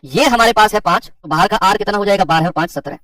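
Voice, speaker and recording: A quick-talking man with a high voice walks through sums out loud and says sorry each time he corrects a slip. The sound is dry, with the mic set a little away from him. He addresses his students casually as "bachche" and "bhai.". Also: dry recording, distant mic, poor audio. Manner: works sums aloud, corrects himself with quick sorries. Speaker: exam prep teacher. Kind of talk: online math lesson.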